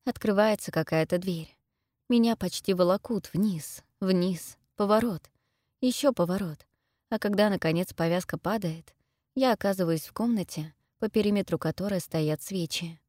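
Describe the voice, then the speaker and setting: A young adult woman narrating a first-person story as an audiobook reader, in a steady, measured way. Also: medium pitch, dry recording, studio quality.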